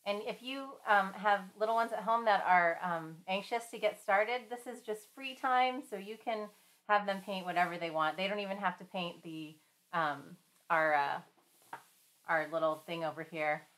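A woman's voice: medium pitch, normal speed. Chatty woman leading a painting class. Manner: chatty, gentle, lots of fillers and laughs. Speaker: art instructor. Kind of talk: live-streamed finger painting class.

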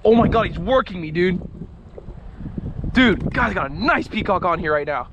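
A young man vlogs from a small boat with excited, casual frat-bro chatter. His voice sits a bit high, and clear outdoor wind noise runs behind it. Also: normal speed, dull audio. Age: young adult. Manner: frat-bro slang, constant dude and bro. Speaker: fishing vlogger. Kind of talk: excited casual vlog commentary.

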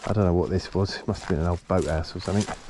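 A middle-aged man with a bit of a cold films a fishing vlog on a riverbank, chatting casually and muttering to himself as he fishes. His low-pitched voice is rapid-fire with a steady tone. An outdoor action camera picks up background noise and ambience.

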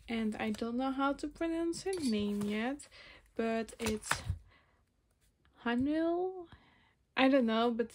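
A woman in her twenties from Belgium, a native Dutch speaker, chatting casually and rambling as she sorts photocards. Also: fairly high pitch. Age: 20s. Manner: rambling, self-correcting, soft-spoken. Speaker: vlogger. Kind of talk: casual chat while sorting photocards. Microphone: phone camera.

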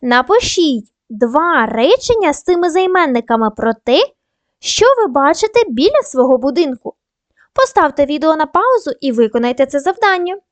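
A woman teaching a primary school video lesson, giving patient, clear instructions and spelling out sounds and syllables one by one. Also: high voice, big pitch swings, normal speed, no echo.

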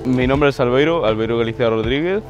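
A man's voice: medium pitch, fairly quick. A man from the Dominican Republic speaks with a Spain Spanish accent, easygoing and casual, on a lapel mic. Light music plays under his voice. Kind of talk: documentary interview.

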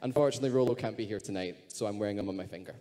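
A man's voice: lowish voice, very fast, warm tone, in a large hall, a little hiss or hum. A man on a festival panel, telling a story in a cheerful, joking way. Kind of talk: panel talk. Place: festival stage.

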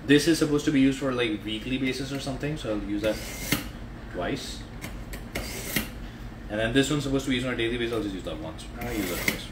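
Fast-talking but prone to long pauses, a medium-pitched man in his thirties cooks in his home kitchen while loosely joking on a casual livestream. He's a fitness coach and vlogger, captured by a nearby held or propped phone camera amid echo and clear ambient noise.

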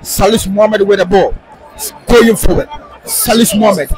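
A man with a Ghanaian accent giving live football commentary, excitable and sing-song, rising into shouts on attacks. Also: high voice, normal speed, a crowd in the background, low-quality recording. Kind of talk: live match commentary mixing English and Twi.

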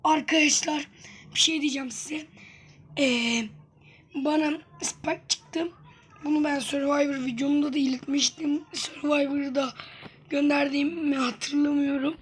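Young gaming vlogger, high voice, hoarse and giving out, casual chat, faint background noise. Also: level tone, unhurried. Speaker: video host. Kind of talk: casual gaming vlog talk.

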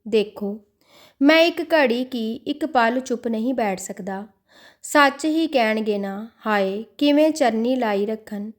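A woman's voice: fairly high pitch, expressive, a little slow. A woman voicing a devout man who pleads with and scolds his own restless mind in an inner monologue. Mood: anxious.

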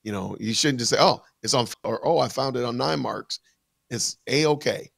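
Gravelly, dry-sounding man explaining casually. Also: medium pitch, normal speed, a bit bright, dry recording. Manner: conversational, explains step by step with fillers. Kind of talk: casual livestream chat.

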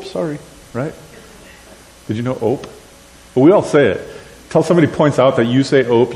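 A middle-aged man with an Upper Midwestern accent, giving a conversational sermon and asking the crowd questions. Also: medium pitch. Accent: Upper Midwestern American. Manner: animated, asks the crowd questions, gestures while talking. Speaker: conference speaker. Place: church sanctuary. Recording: church hall with long reverb, faint hiss.

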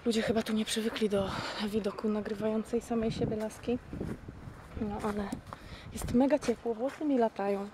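A woman in her twenties talks in a fairly high voice, rambling informally to a camera held at arm's length. Her delivery is offhand and slangy, like everyday chat. The handheld recording carries clear street and travel noise. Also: steady tone, normal speed. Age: 20s. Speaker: vlogger. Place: outdoors on streets and platform, aboard a train. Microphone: camera microphone at arm's length. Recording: noisy handheld camera, traffic and travel rumble.

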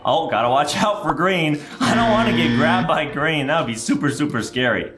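A playful male gaming host in his twenties does children's video game commentary with exaggerated, theatrical reactions and lively pitch swings at a moderate pace. He's in a small indoor room, and the recording sounds roomy with music in the background.

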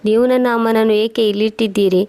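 A loving young married daughter speaks up for her mother, as a woman narrator reads her part. The pitch stays narrow and level, and she sounds like a plain storybook reader. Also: fast, close to an everyday voice. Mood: pleading. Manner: flat, even reading.

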